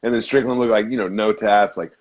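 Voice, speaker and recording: A young man co-hosting a sports podcast, talking in a laid-back, drawn-out way, full of "like". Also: on the low side, steady tone. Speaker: podcast co-host. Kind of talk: casual sports chat.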